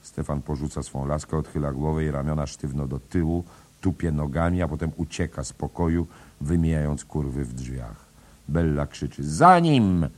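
A man with an extremely deep, breathy voice reads stage directions in a measured, steady way. His scripted narration keeps a calm, even flow. The husky low tone carries every line.

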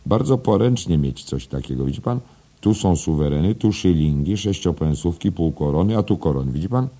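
A deep-voiced man putting on a self-satisfied old schoolmaster, raising his voice above its usual depth. He lectures loudly and emphatically in an audiobook, swinging his pitch up to drive each point home. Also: expressive, moderate pace. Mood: pleased.

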